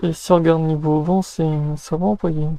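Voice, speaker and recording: Informal Frenchman, mellow higher-pitched voice. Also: little pitch movement, normal speed, no room sound. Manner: informal, slangy. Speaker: weather news host. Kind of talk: casual improvised weather commentary.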